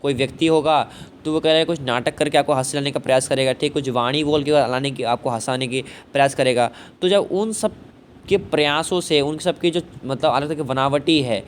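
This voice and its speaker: Brisk and mid-range, this teacher's voice carries a Hindi poetry lesson over faint background noise. He goes over points again and again, answers his own questions, and fills gaps with "thik hai" and "bhai".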